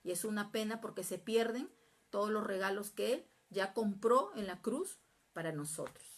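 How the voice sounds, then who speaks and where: A woman's voice: mid-range voice, expressive, moderate pace. A woman giving Bible teaching in an earnest sermon style, repeating points and checking in with her listeners, sometimes acting out prayers. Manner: acts out prayers and quoted speech.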